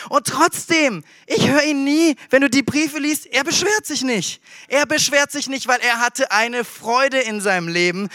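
A man preaching a sermon in a casual, slangy, animated way, dropping English words into his talk. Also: extremely high pitch, no room sound, studio quality. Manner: animated, emphatic delivery.

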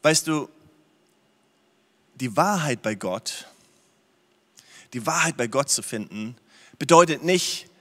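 A man preaching a sermon as a pastor, emphatic and repetitive, swinging from loud to hushed. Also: medium pitch, lively intonation, takes it slowly, long pauses. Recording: long reverb of a large hall.

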